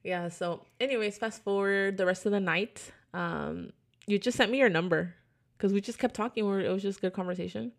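A woman's voice: mid-range voice, brisk, vocal fry. A woman hosting a podcast in casual chat, rambling and swearing freely as she tells a story. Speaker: podcast host.

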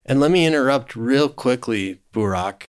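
A man's voice: medium pitch, expressive, moderate pace, smooth. A man hosting a podcast, asking guiding questions in a conversational way. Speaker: podcast host. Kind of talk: podcast interview.

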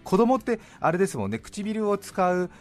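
A man's voice: sits high, big pitch swings, moderate pace, a little mellow, soft background music. A middle-aged man hosting a radio show, chatting playfully and explaining things in a casual studio talk. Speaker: radio host.

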